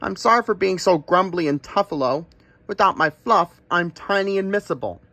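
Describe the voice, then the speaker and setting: A man's voice: high voice, normal speed, pushed and bright, no room sound, voice pushed up. A man voicing a grumpy, huffy male buffalo in a rhyming storybook, stomping and huffing. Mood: sorry.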